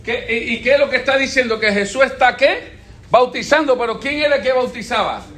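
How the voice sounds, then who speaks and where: A man's voice: extremely high pitch, brisk, bright, forceful tone. A man preaching a sermon, quizzing his congregation with questions and repeating phrases. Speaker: pastor. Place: church sanctuary. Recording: echoey church room.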